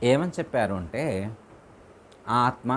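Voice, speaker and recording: A man's voice: medium pitch, expressive, slow pace, fairly bright tone, a little hiss or hum. A man as spiritual teacher giving a discourse in a private home, repeating his phrases and putting questions to his listeners.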